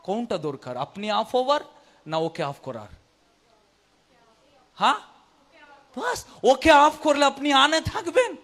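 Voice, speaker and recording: Male preacher, high pitch, foreign learner's accent in Bengali, non-native speaker, exhorting, repetitive, rhetorical questions. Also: very animated, measured pace, vocal fry, pauses often, fairly bright tone. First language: not Bengali, learned it as an adult language. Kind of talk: sermon.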